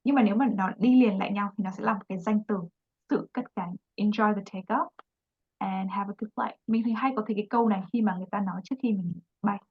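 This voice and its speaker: A woman's voice: mid-range voice, steady tone, very fast, phone-quality sound, a little hiss or hum. A woman teaching an English lesson, patiently explaining and repeating example phrases.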